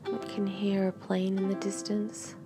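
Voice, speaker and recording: A woman in a meandering, casual personal chat, low-key and sighing, often trailing toward a whisper, lying down with the mic on her chest. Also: completely flat delivery, a little slow, over music. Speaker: host of a personal audio diary. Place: bedroom, lying on a bed. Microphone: phone resting on the chest.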